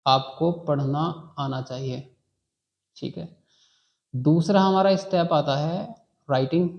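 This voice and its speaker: A man's voice: a little high, gravelly, a little mellow. A man teaching a beginners' English class in a patient, repetitive way, often checking in with the students as he goes. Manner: patient, repeats key words and checks with "ठीक है". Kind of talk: classroom lesson. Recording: dull lo-fi sound.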